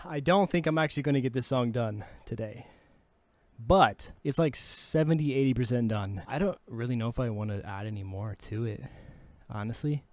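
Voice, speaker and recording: A music producer and singer vlogs casually about producing his own song, chatting in a laid-back, slangy way. His voice is medium-pitched and a little mellow, at a normal speed, with no echo.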